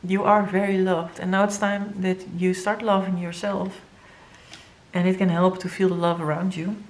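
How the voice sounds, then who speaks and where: A woman with a Dutch first language giving an earnest, halting tarot reading to viewers, with many fillers and moments where she grows emotional. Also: on the low side, flat delivery. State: emotional, near tears. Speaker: tarot reader.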